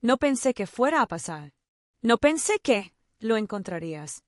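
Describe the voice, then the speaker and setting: A woman reading a guilty, hushed mother. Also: big pitch swings, measured pace, dry recording, clean studio sound. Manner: low, hushed. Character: guilty middle-aged mother, quiet and ashamed.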